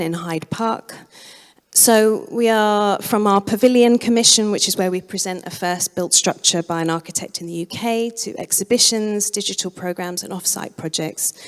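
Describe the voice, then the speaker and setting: A woman giving a conference keynote, her voice going hoarse, speaking in a measured way and correcting herself as she goes. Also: medium pitch. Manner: measured, self-correcting presentation. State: losing her voice. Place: museum auditorium. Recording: long reverb of a lecture hall.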